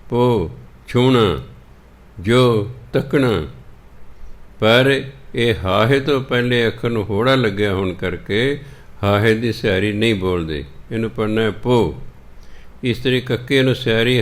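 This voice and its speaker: A man giving a slow teaching sermon, chanting scripture verses and patiently repeating words to drill their correct pronunciation. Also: mid-range voice. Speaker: Sikh preacher teaching scripture recitation.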